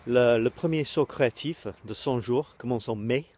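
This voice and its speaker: A man's voice: medium pitch, moderate pace, a little mellow. A British man with an English accent, speaking in a casual direct-to-camera talk as an online course creator, hesitant, with many ums and restarts. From Britain.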